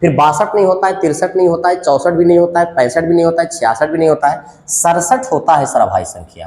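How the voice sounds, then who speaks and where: Lively man teaching math, echoey. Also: a little high. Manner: talks through sums aloud in a sing-song counting patter. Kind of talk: exam-prep math lesson. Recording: echoey room with long reverb.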